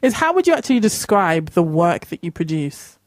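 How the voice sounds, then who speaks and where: A woman's voice: fairly low pitch, sing-song, brisk, no room sound. A woman hosting a radio show and interviewing a guest in a casual, chatty way. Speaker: radio host.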